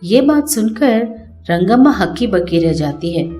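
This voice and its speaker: Brief: female narrator for a moral children's story, steady storytelling voice. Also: mid-range voice, unhurried, faint music behind. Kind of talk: scripted bedtime-story narration.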